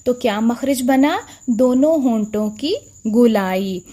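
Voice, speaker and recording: A woman's voice: on the high side, lively intonation, dark tone. A woman teaching Quran recitation in a patient, step-by-step lesson, asking questions and then answering them, speaking. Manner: asks questions then answers them, demonstrates sounds slowly.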